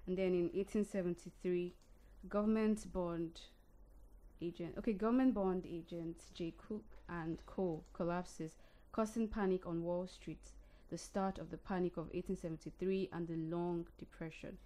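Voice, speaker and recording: A woman hosting a casual talk show, reading historical dates and then discussing them in a relaxed way. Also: fairly low pitch, moderate pace. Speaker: host. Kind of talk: casual radio history chat.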